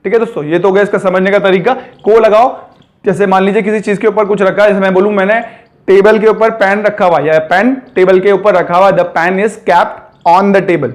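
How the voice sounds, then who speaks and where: A young man teaching English prepositions in a spoken Hindi lesson. He calls his viewers friends, says "theek hai" again and again, and slows down to say each English example clearly. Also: sits high, steady tone.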